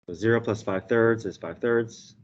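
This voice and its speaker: A low-voiced man at normal speed works through a calculus lesson step by step, explaining and checking in with "okay" and "right". He teaches indoors at a desk with a document camera, and the online lesson audio is dull and muffled.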